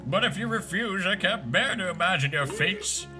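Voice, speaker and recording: A man's voice: sits high, animated, moderate pace, music in the background, voice pushed up. A man doing a kindly old kettle, talking into a cup. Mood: worried, urging. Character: wise, fretful old kettle grandfather. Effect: voice muffled by talking into a cup. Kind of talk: reading a game's story text aloud in a character voice.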